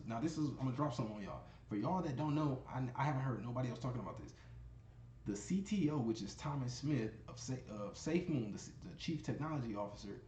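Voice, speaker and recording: A man talks loosely and conversationally, calling his listeners y'all and often asking "you know what I'm saying." His voice is dark and mellow. It sounds echoey, with faint noise in the room. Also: mid-range voice. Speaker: crypto video host. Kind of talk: casual screen-share commentary.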